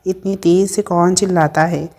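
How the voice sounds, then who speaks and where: A woman's voice: on the low side, steady tone, normal speed, warm tone. A woman doing a brash, scolding young friend. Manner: blunt, scolding, mocking.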